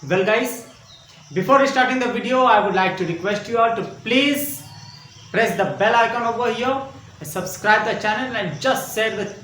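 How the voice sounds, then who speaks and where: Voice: mid-range voice, moderate pace, a bit bright, roomy sound, slight background noise, rough recording. An online teacher with an Indian English accent, giving a patient, repetitive grammar lesson for young children. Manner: repetitive, patient, explaining with questions.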